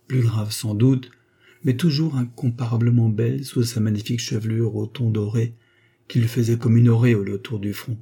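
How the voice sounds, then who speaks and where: A man reading a classic novel aloud in a measured, theatrical narration. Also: mid-range voice, gravelly, dark tone, husky. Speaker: audiobook reader.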